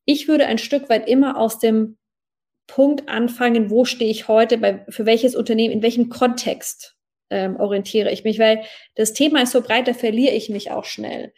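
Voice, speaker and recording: Eine Frau mit deutschem Akzent, die als Expertin in einem Interview spontan und erklärend antwortet, mit vielen „ähm“. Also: female voice, a little high, steady tone, normal speed, darkish tone. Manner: many fillers, explanatory and thoughtful. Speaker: blockchain expert guest.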